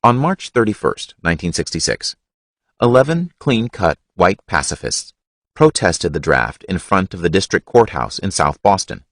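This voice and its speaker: A man reading a history audiobook in a measured, expressive narration. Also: low voice, no room sound, studio quality.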